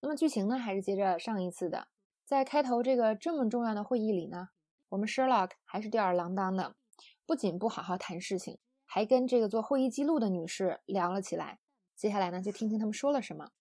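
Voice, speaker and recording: Chatty woman teaching English, mellow voice. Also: mid-range voice, lively intonation, fast, no room sound. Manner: friendly and chatty, with soft sentence-final particles. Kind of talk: explaining English usage to students.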